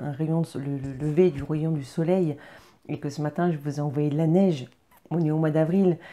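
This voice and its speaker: A woman's voice: low-pitched, mellow. A woman talking casually and earnestly to her viewers about her daily routine, hesitating often with fillers and restarts. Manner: earnest, encouraging, speaking directly to viewers. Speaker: vlogger sharing personal routines. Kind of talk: casual personal vlog.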